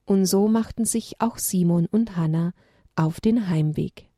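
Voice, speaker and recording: A woman slowly reading a children's story aloud, giving the animal characters gentle, lilting voices. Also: on the low side.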